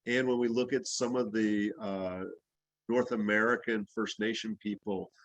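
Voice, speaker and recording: A man's voice: on the low side, steady tone, unhurried, dry recording, poor audio. A man who grew up in the Bahamas, teaching an herbalism class in a loose, rambling, anecdotal way with plenty of fillers. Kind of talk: casual class discussion.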